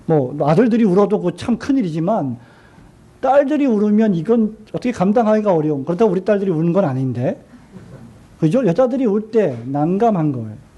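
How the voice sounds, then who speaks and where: A middle-aged male pastor preaching a sermon, asking the congregation questions and slowing down to quote scripture gently. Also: high voice, animated, highs cut off. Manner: asks the congregation questions and has them repeat lines; slows down and drops his voice when quoting Jesus.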